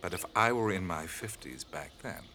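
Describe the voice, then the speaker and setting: A man's voice: sits low, lively intonation, normal speed, pushed and bright, soft background music. An actor playing an earnest, baffled, good-natured man in an audio drama, speaking casually and a little hesitantly. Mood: gentle, thoughtful.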